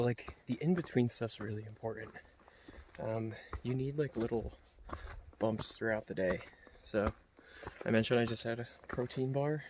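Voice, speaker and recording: A man chatting casually to his camera outdoors on a mountain trail, relaxed and rambling with lots of fillers. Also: mid-range voice, a little hiss or hum. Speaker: hiker filming his own trail vlog. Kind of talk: casual self-filmed vlog chat.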